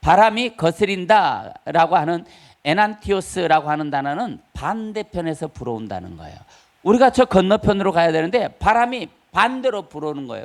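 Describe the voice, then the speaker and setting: A male pastor delivers a Sunday sermon in a church, his voice pitched a little high and swinging widely as he stresses key words. He explains terms and puts questions to the congregation in an emphatic preaching style. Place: church sanctuary.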